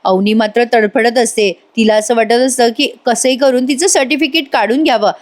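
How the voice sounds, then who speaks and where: A woman narrating a lively recap of a TV serial episode, addressing her viewers directly as a reviewer. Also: fairly high pitch, fairly quick. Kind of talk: storytelling recap voice-over.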